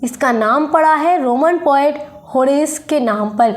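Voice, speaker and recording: A woman with a high voice gives a recorded exam-prep lesson, repeating each point in English and then in Hindi. She slows down sharply when reading out definitions, then speeds back up in her own talk. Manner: reads English definitions very slowly. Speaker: teacher.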